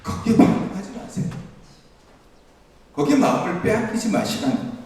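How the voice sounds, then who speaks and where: A pastor delivers an earnest, exhorting Sunday morning sermon with light laughs, captured from a distance in an echoey church sanctuary. His voice sits high with a darkish tone, sing-song at a normal speed.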